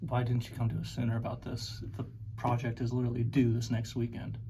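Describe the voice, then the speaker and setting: A man's voice: medium pitch, monotone, quick pace, gravelly, dark tone, a little hiss or hum, natural voice. A young man acting as a student designer in a class skit, speaking in a pointed, impatient way. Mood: irritated. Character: young male student designer frustrated by teammates.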